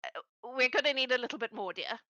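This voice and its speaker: A woman's voice: on the high side, animated, fast talker, pushed and bright, no echo, highs cut off. A woman playing a kindly, patient lady. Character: calm, kindly woman who calls people dear.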